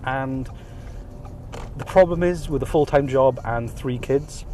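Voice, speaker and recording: This podcast host from Wales, in his thirties, takes it slowly in a mid-range voice with a dark tone, with a little hiss or hum audible. Recorded on a phone hands-free kit as he drives, it's a casual, self-deprecating, jokey monologue with plenty of ums.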